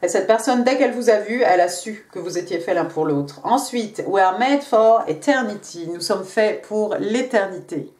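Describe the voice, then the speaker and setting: A woman's voice: medium pitch, animated, normal speed, few pauses, a little mellow, echoey room. A woman with an English accent giving a casual tarot reading in French, chatty with frequent hesitations and restarts. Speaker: tarot card reader.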